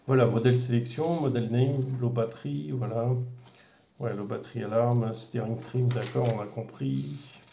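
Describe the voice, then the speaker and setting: Un homme qui présente et explique une radiocommande de modélisme, sur un ton décontracté, avec beaucoup d'hésitations et de reprises. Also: male voice, medium pitch, mellow, echoey room, a little hiss or hum. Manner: rambling, many fillers and restarts. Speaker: RC hobby video host. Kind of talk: casual unboxing explanation.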